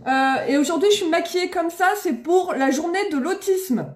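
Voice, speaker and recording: A woman's voice: very high voice, normal speed. A woman from the Paris region chatting live with her followers while doing her makeup, bubbly and exclamatory, laughing often. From Seine-et-Marne, France. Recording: echoey room.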